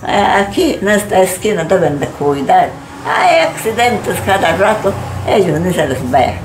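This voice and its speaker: Older woman, shopkeeper interviewee; low-pitched, repetitive, rambling; recorded in an echoey shop with heavy background noise. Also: animated, a little slow. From Peru. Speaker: robbery victim, shopkeeper. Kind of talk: interview testimony. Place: small indoor corner shop.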